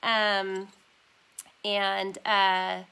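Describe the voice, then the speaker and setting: A woman's voice: mid-range voice, little pitch movement, drawn-out words, creaky, sharp tone, clear, resonant tone. A woman in her forties hosting her first live stream from home on a phone, chatting casually, reading comments and apologizing for her nasal, sniffly voice and her ums. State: stuffy, nasal from a sinus cold. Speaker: vintage shop owner hosting a live stream.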